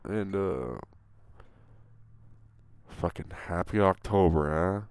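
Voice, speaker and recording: A man's voice: deep voice, lively intonation, drawn-out words, darkish tone, clean tone, dry recording, studio quality. A young man co-hosting a podcast, talking in a laid-back, crude, mumbling way with lots of swearing. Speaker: podcast co-host. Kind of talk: casual chat.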